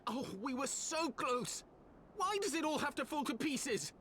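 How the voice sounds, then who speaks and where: Desperate game noble, high, swooping anguished pleas. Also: female voice, animated, a little slow, a bit bright, slight background noise. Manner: pleading, emotional, cries out. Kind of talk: video game voice acting.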